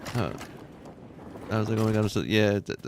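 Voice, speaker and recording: A man with a lowish voice talks fairly quickly while streaming a game from his room, with slight background noise. He chats casually with viewers and spins rambling, laughing anecdotes full of restarts.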